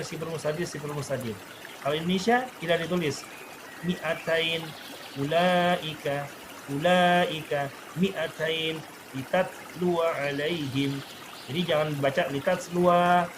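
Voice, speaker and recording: A man's voice: a little high, noisy background. Man teaching Quran recitation over running water. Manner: explains rules, then recites example verses slowly. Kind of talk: recorded tajweed lesson.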